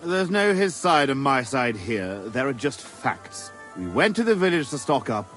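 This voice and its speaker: An actor playing a crude, proud bandit camp leader in a video game, blunt, domineering and scornful. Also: male voice, medium pitch, very animated, normal speed, fairly bright tone, faint music behind. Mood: indignant. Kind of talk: video game dialogue acting.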